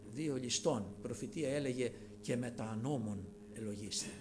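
Preaching to his congregation, whom he repeatedly addresses as brothers, a man alternates between forceful, loud emphasis and quiet, muttered asides. Background noise is audible throughout.

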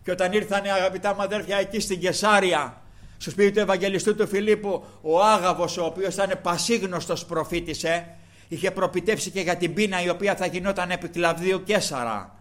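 A man's voice: sits high, a bit bright. An older man preaching a sermon with fervor, repeatedly breaking into praise refrains and speaking directly to the congregation. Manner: fervent, punctuates with praise refrains; addresses the flock, slow emphatic stretches.

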